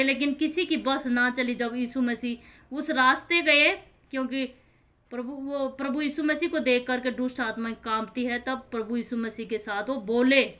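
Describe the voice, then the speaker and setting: Woman, preacher, high voice, bright tone, earnest, repeats and explains verses. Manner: repeats and rephrases each verse, earnest and direct. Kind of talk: informal Bible explanation.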